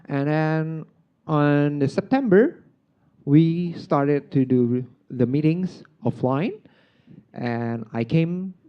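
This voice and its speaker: An outgoing Indonesian club president gives an informal speech on stage in a meeting room. His voice is lively and a little high, and he's chatty and self-mocking, using "like" constantly. The recording is dull, muffled and lo-fi.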